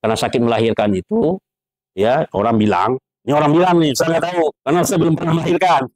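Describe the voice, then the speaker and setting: Man, preacher, sermon to students, high voice, animated with sound effects, loud-to-hushed swings, dry close recording. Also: quick pace, dry recording. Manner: animated, acts out scolding parents with sound effects; swings from loud raised lines to low hushed asides. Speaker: preacher at an Islamic boarding school.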